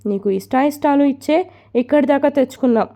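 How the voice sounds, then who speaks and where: A woman with a high, dark, natural voice plays a stern, strict mother who is forcing a marriage. Talking fast, she scolds her daughter and bosses her around.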